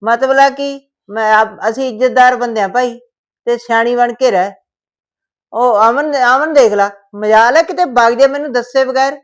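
Woman as suspicious older mother-in-law, Punjabi accent, scolding, lecturing, fairly high voice, short-film drama. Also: normal speed, close to an everyday voice.

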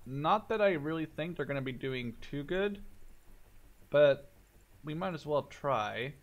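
In a muffled recording, a gaming video host in his twenties, Dutch and based in Canada, muses out loud over gameplay indoors with informal cursing. His voice is a little high and expressive, his pace a little slow.

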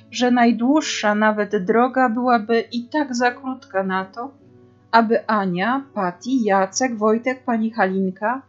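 A woman teacher reading a children's novel aloud in an expressive storytelling manner. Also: a little high. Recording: dull lo-fi with faint guitar.

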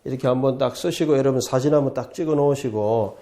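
A man's voice: medium pitch, fast talker, warm tone. A man who teaches as a professor, giving a chatty, repetitive lecture at a writing board in a studio. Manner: chatty, repetitive, often starts with "자" and "예". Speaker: Hebrew professor teaching the alphabet. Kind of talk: casual classroom lecture.

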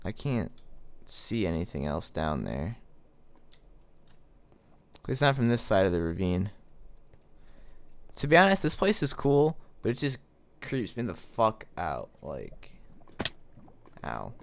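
A man's voice: deep voice, wildly swooping pitch, takes it slowly, vocal fry, pauses often, dry recording. A young man giving casual gameplay commentary, swearing and sarcastic as things go wrong. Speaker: gaming commentator.

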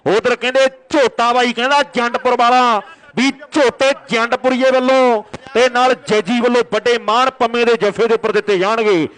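A man giving excited rural kabaddi commentary, announcing in repeated stock phrases. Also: very high voice, normal speed, rough recording.

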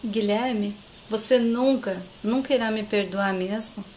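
A woman's voice: medium pitch, measured pace, a little mellow, a little hiss or hum, lightly acted. A woman voicing a remorseful mother who pleads with her grown son. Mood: pleading. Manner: pleading, subdued.

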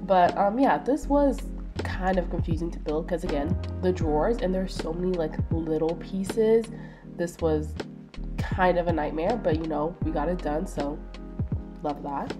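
A young woman with a stuffy nose talks through a relaxed voice-over, chatty and self-mocking, leaning on lots of fillers. Her voice sits a little low for a woman. Loud music plays behind her. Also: unhurried. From Florida, USA. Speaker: lifestyle vlogger. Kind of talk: casual voice-over narration. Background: loud background music.

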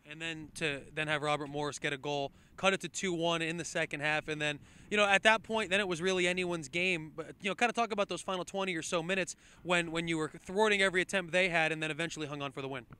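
Fast, bright sideline interviewer man. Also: on the high side, smooth. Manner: quick, upbeat broadcast delivery. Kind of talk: postgame sports interview. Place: outdoor soccer field at night. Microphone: handheld mic.

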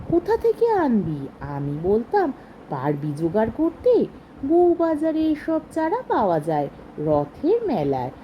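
A woman reading a short story aloud in a slow, measured way with expressive rises. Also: on the high side, slight background noise, rough recording.

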